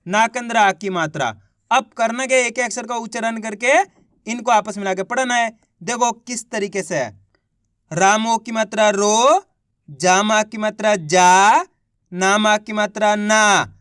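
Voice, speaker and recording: A man teaching beginners to read, spelling out each syllable slowly and then blending it into a word, encouraging his viewers as friends. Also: high voice, a bit bright, clear, resonant tone, dry recording, studio quality. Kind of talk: slow syllable-by-syllable reading lesson.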